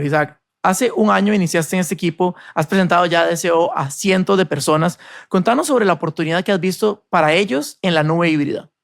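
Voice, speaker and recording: Gravelly, higher-voiced Costa Rican host. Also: male voice, no echo, clean studio sound. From Costa Rica. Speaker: podcast host. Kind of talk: scripted podcast intro and interview.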